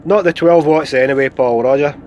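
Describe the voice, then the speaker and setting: A Scottish man with a fairly high voice chats easily as he runs a CB radio net. His speech is colloquial and sprinkled with call signs, over a light bed of radio noise. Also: fairly quick, darkish tone. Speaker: amateur CB radio net controller. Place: parked van outdoors. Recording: CB radio transmission with background hiss.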